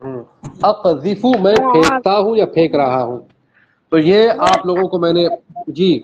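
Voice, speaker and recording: A man's voice: high voice, animated, a little mellow, a little hiss or hum. A male teacher giving a classroom language lesson, explaining each word step by step, repeating phrases and checking in with his students. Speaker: Arabic teacher. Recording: dull lo-fi classroom recording.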